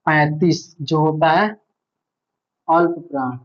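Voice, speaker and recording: A man's voice: on the high side, steady tone, slow pace, highs cut off. A male teacher giving an online grammar lesson, patiently repeating points and asking himself questions.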